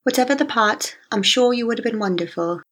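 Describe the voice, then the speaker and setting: A woman voicing a composed young nurse who speaks with an English accent and crisp, precise diction. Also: fairly high pitch, animated, a little fast, a bit bright, pitched above the performer's own voice. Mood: earnest.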